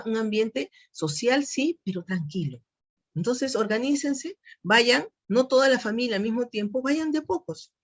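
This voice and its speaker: A woman's voice: a little high, slightly rough. A woman giving an instructive lecture on elder care, repeating key points and often checking in with her listeners. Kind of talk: spoken lecture to an audience. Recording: dull lo-fi recording.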